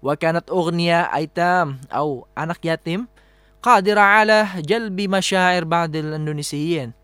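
A man's voice: on the high side, fairly quick, a bit bright, clean tone, dry recording. A man presenting a radio programme, reading a prepared script. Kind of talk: scripted radio narration in Arabic.

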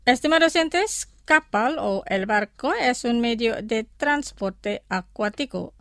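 A woman hosting a scripted language lesson, saying each word twice and then explaining it in a slow, deliberate way. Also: fairly high pitch, lively intonation, fairly bright tone, soft background music.

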